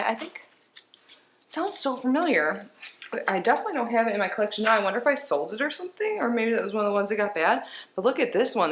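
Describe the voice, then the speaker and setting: Congested and stuffy-sounding, a woman rambles through a beauty box unboxing with small laughs. Her voice is medium-pitched, creaky and a bit bright. Faint background noise sits in a roomy recording.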